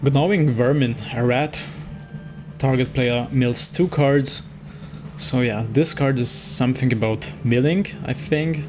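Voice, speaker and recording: The host, speaking slowly at medium pitch, plays a digital card game and thinks through his moves aloud, somewhat hesitantly, in a casual commentary. Background music accompanies him.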